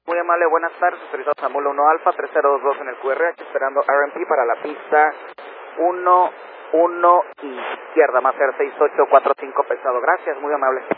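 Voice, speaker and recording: A man's voice: fairly high pitch, fairly even intonation, a little fast. A male airline pilot speaks through a cockpit radio transmission, his slightly raised voice squeezed into a thin, tinny band with faint hiss behind it. He keeps to courteous, formal radio phrasing throughout. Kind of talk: aviation radio calls.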